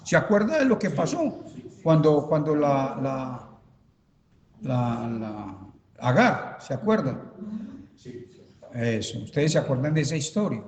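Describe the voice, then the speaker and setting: A pastor's higher, sing-song voice carries through a reverberant church hall as he teaches a Bible study, halting and emphatic, restating each point as he chalks it up. The audio is dull, with a faint hiss or hum.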